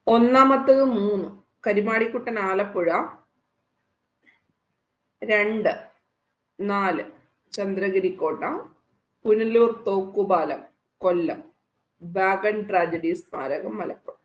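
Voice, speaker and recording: A woman teacher with a Malayali accent goes through exam answers with her students in a quick, conversational way, quizzing them as she goes. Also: medium pitch, roomy sound, highs cut off.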